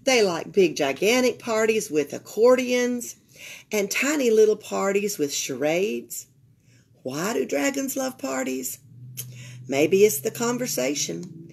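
The voice belongs to an older Alabama woman with a Southern accent, pitched fairly high, animated, a bit mellow and slightly raspy. As a library storyteller at a library table indoors, she reads a picture book expressively and stops to comment to the young listeners.

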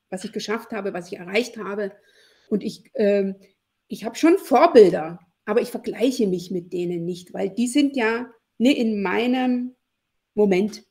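Gravelly-voiced woman in her forties on a video call. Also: mid-range voice, a little mellow. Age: 40s. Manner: reflective, many fillers, frequent "ne?". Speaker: podcast guest, lawyer and networking expert. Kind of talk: casual conversational interview. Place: home room with shelves.

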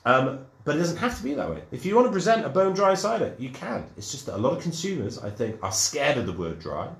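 A man's voice: fairly high pitch, sing-song, quick pace, gravelly, reverberant. A man from the UK hosting a live online cider tasting, talking enthusiastically with plenty of ums and restarts. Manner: enthusiastic, lots of ums and restarts, greets viewers. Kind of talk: live-streamed tutored tasting, chatty.

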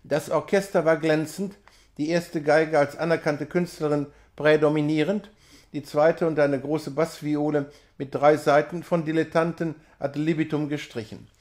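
A man reads a classic novella aloud, measured and expressive. His voice sits slightly high for a man. The delivery is steady literary reading. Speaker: reader.

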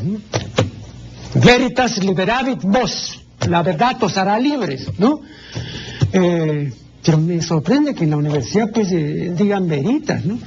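An older man, hosting a television program and explaining things to a viewer in a measured, didactic way with frequent tag questions. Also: high-pitched, dull audio, slight background noise. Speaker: television host answering a viewer. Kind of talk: cultured on-air commentary.

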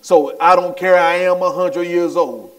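High-voiced excitable male pastor preaching. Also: measured pace. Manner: excitable, repeats phrases and calls for the crowd to answer. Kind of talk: sermon. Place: church service.

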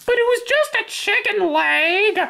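A voice actor doing every role in a fan-made animated family video, switching between kid, parent and friend parts. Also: extremely high pitch, a little slow, gravelly. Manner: acts several family roles with the same voice.

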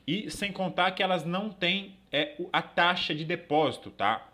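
A man's voice: high voice, moderate pace, pushed and bright. A young Brazilian man with a Brazilian Portuguese accent hosting a casual live screen-share tutorial, talking loosely with many fillers and tag questions, recorded at his desk in a small room. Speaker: crypto channel host.

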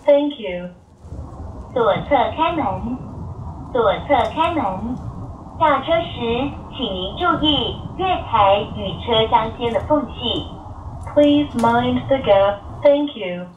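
A woman's train loudspeaker announcement, measured and formal, delivered very slowly in a slightly high voice. She sounds far off and echoey through the carriage speaker, with clear train running noise behind her. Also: expressive, narrow, tinny audio. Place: inside a moving train carriage. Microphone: recorder in the carriage, far from the speaker.

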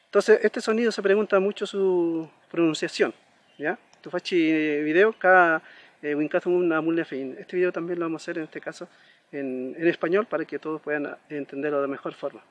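A man giving a pronunciation lesson, slowly repeating each example word and checking in with "¿ya?" often. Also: on the high side, fairly even intonation. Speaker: language teacher.

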